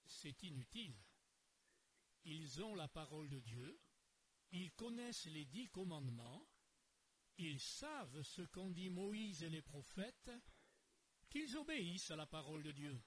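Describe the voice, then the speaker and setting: A man voicing the patriarch Abraham, answering in a measured, solemn, admonishing way in a dramatized Bible story. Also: on the high side, very animated, slight background noise, low-quality recording. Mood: solemn firm. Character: old patriarch Abraham, calm and firm.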